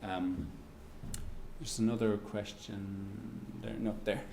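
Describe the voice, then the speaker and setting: With a fairly low, creaky voice that barely moves in pitch, an Irishman halts through audience questions at an economics lecture, full of fillers and restarts. Background noise accompanies the echoey lecture-room recording.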